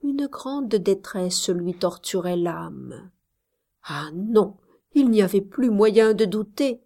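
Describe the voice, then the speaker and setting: A woman narrating a story aloud in a soft, hushed, measured voice. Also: mid-range voice, expressive, creaky.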